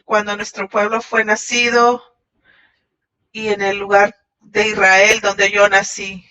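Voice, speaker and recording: Bright-voiced woman giving a translated sermon. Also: medium pitch, flat delivery. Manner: halting, with restarts and fillers. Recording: dull lo-fi audio.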